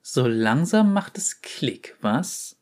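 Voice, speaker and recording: A man's voice: mid-range voice, very animated, takes it slowly, darkish tone. A man voicing a brash, violent female enforcer who taunts and threatens in a mocking, cocky way. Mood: taunting. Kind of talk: dramatic story reading.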